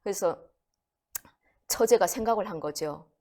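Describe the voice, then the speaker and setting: A woman's voice: medium pitch, measured pace. A woman telling a crime story in a conversational way, acting out the quoted voices. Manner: animated, acts out quoted voices. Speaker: guest storyteller.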